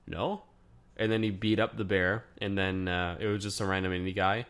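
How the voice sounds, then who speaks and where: A man hosting a podcast, talking through a casual solo review in a chatty, excitable way with lots of fillers. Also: low-pitched, fairly quick, smooth. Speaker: podcast host.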